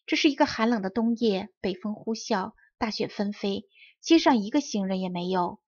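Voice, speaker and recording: A woman narrating a children's story with clear, careful enunciation. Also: mid-range voice, moderate pace, darkish tone, dry recording, lo-fi sound. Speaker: storybook reader.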